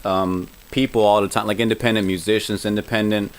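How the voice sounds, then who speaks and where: A man's voice: fairly low pitch, flat delivery, brisk. A man interviewing a guest in casual chat, reflective and earnest, with a lot of "like" in his phrasing.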